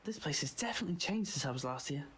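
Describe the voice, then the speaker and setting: Man playing lively, rambling eccentric Doctor. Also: fairly high pitch, very fast, a little hiss or hum. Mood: playful, teasing. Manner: chatty, exuberant, theatrical. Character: breezy, eccentric, rambling male time-travelling adventurer. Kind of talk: audio drama acting.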